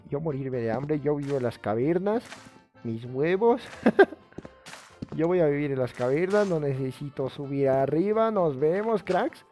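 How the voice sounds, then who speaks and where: A man streaming a game live, talking casually, rambling excitably and swearing often. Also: mid-range voice.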